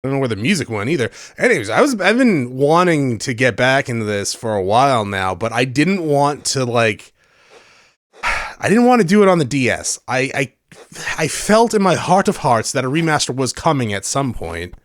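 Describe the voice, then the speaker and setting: A man's voice: medium pitch, big pitch swings, moderate pace, no room sound, clean studio sound. A man hosting a let's play with casual, rambling commentary, often questioning himself. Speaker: let's player and host.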